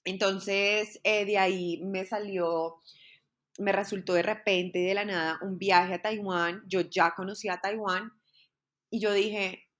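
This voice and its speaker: A woman's voice: medium pitch, fairly bright tone. A woman, a podcast guest telling a personal story in an earnest, heartfelt way, often repeating words.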